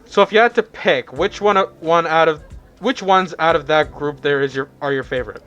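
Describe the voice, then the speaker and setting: A man's voice: a little high, moderate pace, a bit bright, highs cut off, soft background music, natural voice. A man playing a casual young guy on a date.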